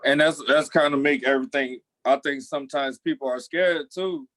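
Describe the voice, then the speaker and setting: A man's voice: medium pitch, steady tone, normal speed, fairly bright tone, no room sound, poor audio. A young man, a former college athlete, talking thoughtfully in a panel discussion, often restarting his sentences.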